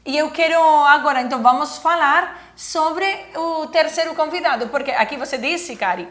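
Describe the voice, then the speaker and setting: Animated Spanish woman pastor, high voice. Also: normal speed, echoey room. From Spain. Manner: animated storytelling, stumbles on Portuguese words. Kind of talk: church livestream talk.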